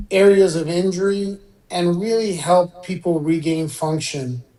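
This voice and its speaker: A middle-aged man born in Iran, a surgeon speaking as a guest on a radio interview, explaining in a relaxed way with occasional fillers. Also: fairly high pitch, poor audio.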